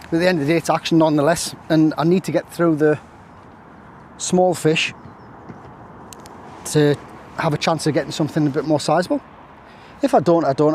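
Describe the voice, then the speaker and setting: An angling vlogger with a slightly high, somewhat mellow male voice chats casually to camera while fishing on a windy riverbank. His talk is full of jokey, self-deprecating asides, recorded by a camera on a stand that he sometimes steps away from.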